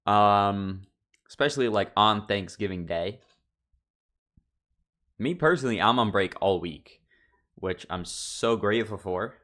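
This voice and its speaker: A man's voice: on the low side, lively intonation, unhurried, long pauses, a bit bright. A young man chatting casually on his livestream from home, rambling loosely with lots of fillers and restarts. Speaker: streamer.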